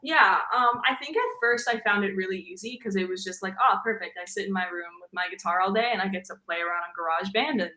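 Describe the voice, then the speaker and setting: Talking fast with almost no pauses, a young woman guest singer chats casually about singing in an echoey room. Her voice is low for a woman but bright and clear. She rambles a bit, leans on "like" and "um," and laughs easily.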